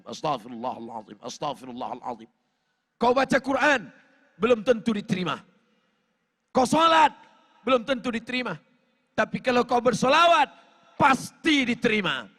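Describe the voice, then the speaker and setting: A man preaching a sermon, fervent, rising to shouted appeals and breaking into sung chants. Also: very high voice. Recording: long reverb of a large hall.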